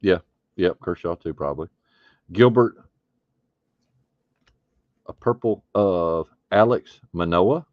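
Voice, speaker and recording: A man with a very deep voice hosts a live trading card break, talking loosely as he sorts through packs. The sound is dry and close, with a slightly dull, lo-fi tone. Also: slow, long pauses, no echo. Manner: chatty, thinks aloud while opening card packs. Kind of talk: casual live stream chat.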